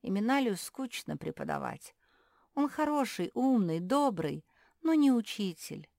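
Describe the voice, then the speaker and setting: A woman voicing a sensible young pupil who calmly explains his teacher's habits. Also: a little high, unhurried, gravelly, no room sound, clean studio sound, pitched above the performer's own voice, full character voice. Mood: matter-of-fact.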